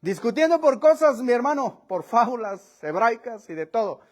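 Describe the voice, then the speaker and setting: A man's voice: very animated, normal speed. A man preaching a sermon, calling his listeners brother and acting out the voices in the story. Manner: preaching with dramatic shifts in pitch and volume, acting out voices; laughs between points, addresses listeners as brother. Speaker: pastor. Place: church.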